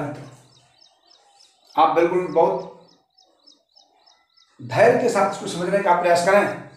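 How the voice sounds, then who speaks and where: A man with a Hindi accent teaching an English pronunciation lesson, repeating each point, calling viewers his friends and spelling letters out slowly. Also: high-pitched, far from the mic. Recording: very echoey room, voice from off-mic.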